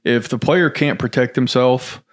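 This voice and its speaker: A man's voice: mid-range voice, measured pace. A middle-aged man from Tennessee, a guest on a podcast, telling rambling stories about his past work with many restarts and fillers. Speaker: guest, former football general manager. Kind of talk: casual storytelling interview.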